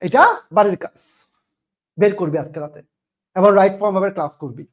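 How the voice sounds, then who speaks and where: A woman's voice: mid-range voice, a little fast. A woman teaching English grammar in an online admission-test lecture, scolding and firing questions at her students.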